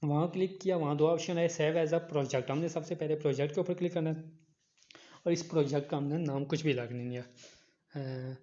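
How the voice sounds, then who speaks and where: A man walks through a photo-editing app step by step, going back over each instruction. His voice sits a little high, and the recording sounds dull and lo-fi, like a phone mic. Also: moderate pace, mellow. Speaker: online teacher. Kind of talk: screen-recorded app tutorial.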